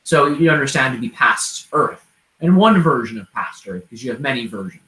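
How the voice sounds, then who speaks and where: A man channeling an inquisitive, open-hearted otherworldly being like a seance medium, speaking in formal, measured, abstract sentences. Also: mid-range voice, animated, sharp tone. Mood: helpful, explanatory. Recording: roomy, echoing sound.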